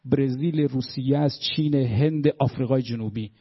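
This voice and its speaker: Impassioned man lecturing, muffled recording. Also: slightly rough. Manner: rhetorical, acts out dialogues, swings between loud outbursts and low asides. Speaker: speaker giving a religious-political talk.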